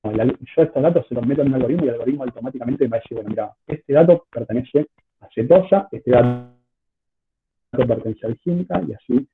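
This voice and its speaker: A man's voice: medium pitch, fast. A male teacher giving an online class lecture, stumbling over repeated words, his voice coming through choppy, glitchy video-call audio. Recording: tinny call line with faint noise.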